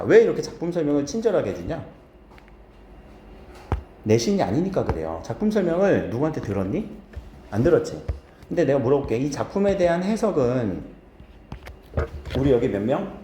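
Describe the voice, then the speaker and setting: A man's voice: mid-range voice, warm tone, a little hiss or hum. A man teaching a poetry lesson to a small class, often asking his students questions. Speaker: Korean literature teacher. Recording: roomy classroom echo.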